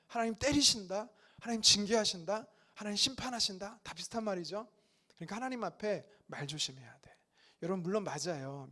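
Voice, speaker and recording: A man's voice: high-pitched, a bit bright. A male pastor in his thirties preaching a Wednesday prayer sermon in a conversational way, now and then acting out complaining voices. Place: church sanctuary.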